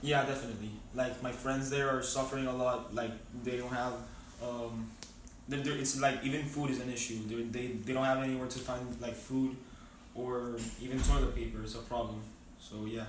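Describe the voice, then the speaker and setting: A man's voice: medium pitch, little pitch movement, normal speed, hardly any pauses, slight background noise. A teenage boy from Venezuela answering interview questions in a casual, hesitant way, with many fillers and restarts. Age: teens. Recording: echoey room, mic at a distance.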